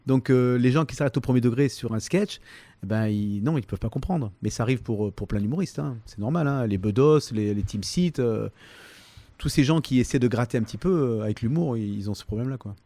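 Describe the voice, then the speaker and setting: A man in his fifties with a Provençal accent, answering interview questions in a halting way, full of fillers and restarts. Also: medium pitch, warm tone, no echo. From southern France, Toulon. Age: 50s. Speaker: comedian, interview guest.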